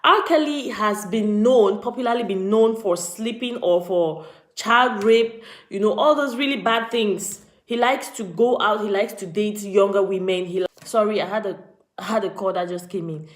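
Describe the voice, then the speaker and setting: On a live vlog stream, a Cameroonian woman chats casually and greets viewers by name. She speaks at a moderate pace with a medium-pitched voice, and the sound is roomy.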